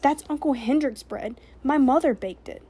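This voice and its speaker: Storybook girl, young and stubborn, chattering high and bright-eyed, read by a woman. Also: animated, moderate pace. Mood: indignant. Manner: raised, chattering girlish voice. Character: young Danish girl, quick-witted and stubborn.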